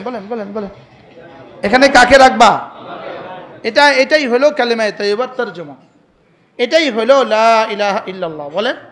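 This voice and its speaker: A man's voice: very high-pitched, fairly bright tone. A man from Bangladesh with a Noakhali accent, preaching a sermon, telling anecdotes and getting the crowd to repeat his lines back. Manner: call-and-response, asks crowd to repeat, tells anecdotes.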